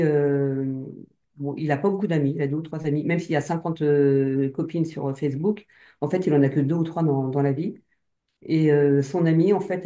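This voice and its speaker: A woman's voice: deep voice, mellow. A woman telling her own experience casually as a hypnosis client, hesitant, with many fillers and restarts. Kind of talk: casual personal account. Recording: roomy echo.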